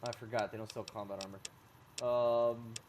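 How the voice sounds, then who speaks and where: A man's voice: on the low side, flat delivery, measured pace, darkish tone, slight background noise. A man streaming a game, chatting casually as he plays, rambling and correcting himself with sarcastic asides. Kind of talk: casual gameplay commentary.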